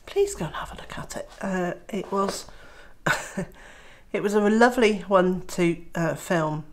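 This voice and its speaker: Speaking slowly at a medium pitch, this Welsh woman chats to camera about her homestead while nursing a cold. Her voice is nasal and throaty, she fills gaps with lots of "uh" sounds, and there's slight background noise.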